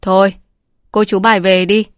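A scheming village chief gives his orders softly and unhurried, as a woman reader plays him. The reading is dry and close. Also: mid-range voice, level tone, no room sound, lightly acted. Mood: quietly commanding. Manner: quiet, unhurried, commanding. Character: calm scheming older village chief, man.

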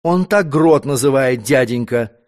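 A man's voice: expressive, a little slow, darkish tone, natural voice. A man voicing a frightened, pleading young noblewoman in a storybook reading. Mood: plaintive. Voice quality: high and pleading.

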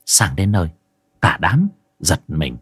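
Guy telling a ghost story, lowish husky voice, dry close sound. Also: slow pace, no room sound. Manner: lively, dramatic storytelling.

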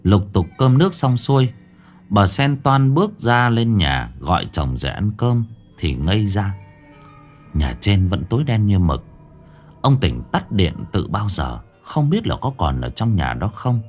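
Brief: male ghost story narrator, lower voice, vivid storytelling with a wide melody. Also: very animated, a little slow, darkish tone, faint music behind.

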